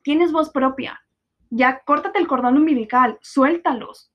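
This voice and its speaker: A woman's voice: high-pitched, a little slow. A Mexican woman in her twenties hosting a podcast, talking bluntly and sarcastically and swearing freely in a casual confessional monologue. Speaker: podcast host. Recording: dull lo-fi recording.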